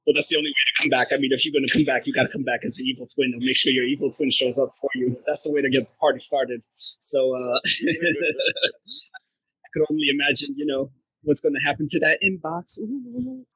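A man co-hosting a casual podcast, animated and joking, laughing often as he talks. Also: medium pitch, brisk, husky, dry recording, low-quality recording. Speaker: podcast co-host.

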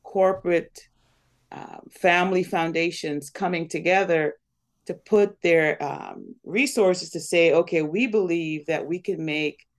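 A woman's voice: on the low side, measured pace. A woman from Guyana, a community foundation CEO, talking earnestly as an interview guest. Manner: earnest, speaks of blessing and collaboration.

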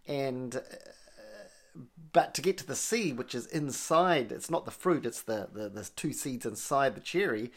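A man's voice: mid-range voice, animated, measured pace, fairly bright tone. Meandering Kiwi man telling stories. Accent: New Zealand with some American. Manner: meandering, self-correcting storyteller. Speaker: coffee storyteller. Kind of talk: casual chat.

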